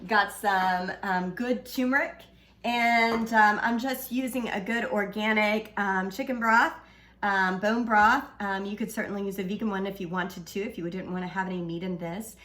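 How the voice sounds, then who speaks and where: A woman presents a home-style cooking demo in a mid-range voice. She talks casually and haltingly, pausing on fillers, with a playful, flirty streak. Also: medium pitch, fairly even intonation, fairly bright tone, a little hiss or hum. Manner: halting, filler-heavy delivery. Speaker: cooking video host.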